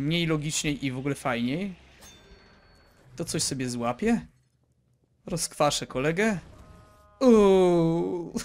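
A let's play gamer with a slightly high voice gives casual, joking commentary while playing a video game. He rambles, exclaims, and talks to both viewers and game characters, with slight background noise behind him.

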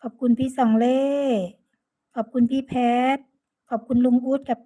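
A woman's voice: high voice, level tone, moderate pace, mellow. A woman with an Isan accent chatting casually on a live stream, greeting and thanking viewers by name. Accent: Isan (Northeastern Thai). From Sakon Nakhon, Northeast Thailand. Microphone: phone.

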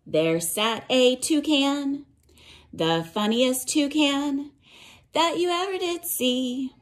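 A woman with a higher voice reads a picture book aloud to children, slowly, in sing-song cumulative verse. She gently questions her young listeners and adds simple explanations.

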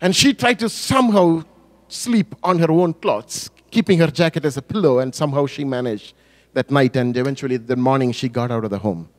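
A man's voice: lively intonation, fairly quick. A male pastor telling a story in a sermon, emotive and swinging up and down in volume, often correcting himself as he goes. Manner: emotive, rising and falling in pitch and volume; self-correcting with small restarts.

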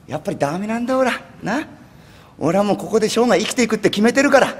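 Man putting on a teary old country fellow, high lively voice, reverberant live hall. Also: fast talker. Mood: humble. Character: poor old country man, tearful and humble.

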